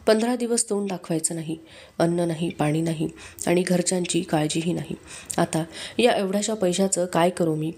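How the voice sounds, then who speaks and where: A woman's voice: lowish voice, moderate pace, dark tone, slightly rough. A woman reading the part of a poor, bitter wife in a storybook reading, speaking in a reproachful, scolding way. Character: poor, sharp-tongued wife, worn down and bitter.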